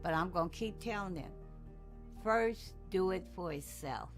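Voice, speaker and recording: A woman coach speaking warmly and encouragingly about her athlete, in a soft, motherly way. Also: fairly low pitch, a little slow, faint music behind. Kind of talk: heartfelt interview talk.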